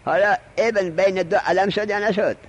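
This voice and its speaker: A man's voice: sits high, steady tone, muffled recording. A man teaching an Arabic grammar lesson, lecturing emphatically and dictating notes to his students. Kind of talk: classroom lecture.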